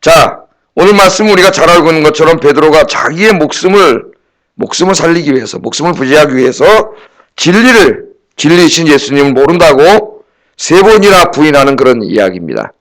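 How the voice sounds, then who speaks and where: A man's voice: fairly high pitch, expressive, a little fast, fairly bright tone. A middle-aged man preaching a sermon as pastor, in a conversational way, firing rhetorical questions at the congregation and acting out quoted dialogue.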